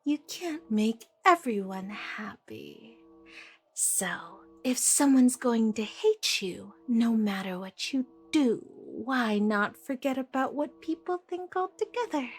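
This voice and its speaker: A deranged female asylum villain for an audio roleplay. The voice is fairly high and very unhurried, with a husky, breathy edge. The delivery is playful yet menacing, theatrical and taunting. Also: lively intonation, heavily acted. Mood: bitter, taunting. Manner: taunting, theatrical, slipping between whispers and outbursts. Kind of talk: ASMR audio roleplay acting.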